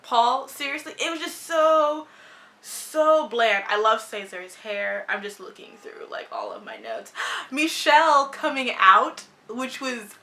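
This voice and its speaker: A woman's voice: on the high side, sing-song, slow pace, sharp tone. A young woman reviewing a TV show in casual, opinionated chat, blunt and sarcastic, swearing freely and saying "like" a lot.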